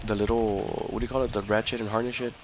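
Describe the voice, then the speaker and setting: A man's voice: fairly low pitch, fast talker, background noise. A man chatting casually with a friend while playing a shooter game, rambling and swearing with lots of fillers and restarts. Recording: steady game gunfire behind the voice. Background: gunfire and clicks from the game.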